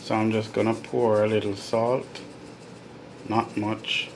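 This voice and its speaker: A Jamaican home cooking show host films a casual cooking vlog on a phone held over the stove, walking viewers slowly through each step. His low voice stays flat and unhurried. Pots boil and sizzle clearly in the background.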